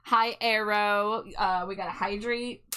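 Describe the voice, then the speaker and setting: A woman's voice: mid-range voice, fairly even intonation, measured pace, sharp tone, clear, resonant tone. A woman hosting a casual livestream, chatting in a cute, playful anime-streamer manner. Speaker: livestream host.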